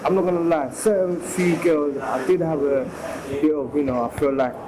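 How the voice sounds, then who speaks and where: Man, slightly high pitch, rambling slangy chat, loud crowd noise, hidden mic. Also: normal speed, rough recording. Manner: rambling, slangy, repeated 'innit' tags. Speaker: landlord. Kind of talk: casual chat, secretly recorded.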